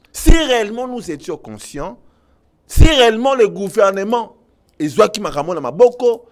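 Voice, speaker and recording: A man from Congo with a Congolese French accent, delivering impassioned political commentary to viewers and switching between French and Lingala. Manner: emphatic, mixes French and Lingala, swings from loud outbursts to low intensity. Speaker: online news commentator.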